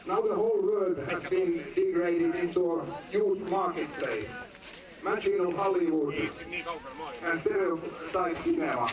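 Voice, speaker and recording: A man's voice: high-pitched, far from the mic. Man, Finnish accent, declamatory speech, echoey hall, crowd audible behind. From Finland. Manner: earnest, declamatory, short phrases with pauses. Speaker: guest speaker at a film screening. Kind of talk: formal speech to an audience. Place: large indoor venue. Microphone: phone recording from the audience.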